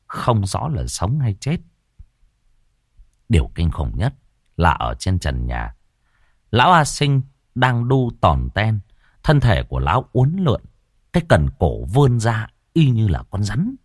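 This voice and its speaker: Low-voiced man narrating a horror tale. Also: darkish tone, no room sound, studio quality. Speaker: storyteller.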